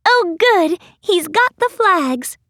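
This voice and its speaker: A bubbly, scatterbrained teenage girl who squeaks high and bounces all over her range, as a woman reader puts her on. She gushes loudly and eagerly. The audiobook recording is dry and close. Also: very animated, slow pace, no echo, full character voice. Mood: excited.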